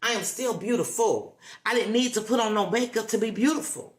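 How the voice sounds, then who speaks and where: Hosting a motivational livestream, this woman talks a little fast in a slightly high voice. Her delivery is emphatic and repetitive, and she keeps checking in with viewers through coaxing tag questions, all heard with a roomy echo.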